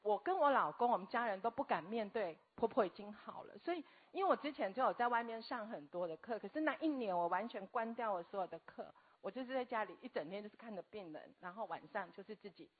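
A woman, telling a personal story earnestly and haltingly as a guest. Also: medium pitch, animated, slightly rough. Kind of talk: personal testimony. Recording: tinny phone-like audio.

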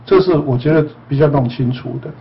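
A man with a husky, breathy voice pitched a little high speaks to a group as a spiritual teacher and counselor. He teases and laughs often. The recording sounds dull and lo-fi. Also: fairly quick. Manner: playful, laughs often, teasing. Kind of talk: joking talk to a group.

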